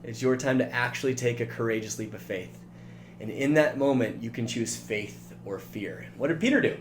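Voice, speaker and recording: A man's voice: medium pitch, normal speed. Earnest male motivational coach, roomy sound. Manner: earnest, coaching, addresses listener directly. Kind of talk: motivational training talk. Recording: roomy with faint hum.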